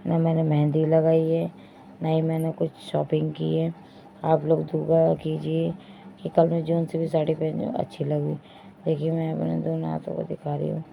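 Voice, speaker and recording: Here a young woman with a low-pitched, creaky voice hosts a casual home vlog, speaking directly to viewers and indicating things along the way. Chatty in manner, she repeats "dekhiye." The recording is dull lo-fi phone audio with faint noise.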